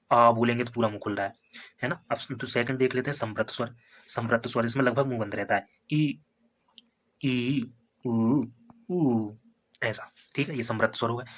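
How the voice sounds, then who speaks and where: A man's voice: mid-range voice, fairly bright tone. Man teaching Hindi grammar step by step. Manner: repetitive, explains step by step with tags like "है ना" and "ठीक है"; sounds out vowels slowly for examples. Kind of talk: Hindi grammar lesson for exam prep.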